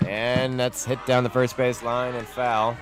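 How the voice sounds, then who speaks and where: A man calling live play-by-play, his voice climbing sharply in pitch and volume on big plays. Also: little pitch movement, a little slow. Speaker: play-by-play commentator. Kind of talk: live sports commentary. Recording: live broadcast with loud music and crowd behind.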